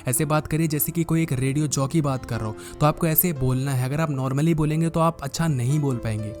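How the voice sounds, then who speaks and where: A young man giving voice tips in a casual tutorial, talking in a put-on presenter voice and humming deep om sounds to demonstrate. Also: a little fast, darkish tone, soft background music. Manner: talks in a put-on presenter voice, drawing out key words. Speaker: voice coach vlogger.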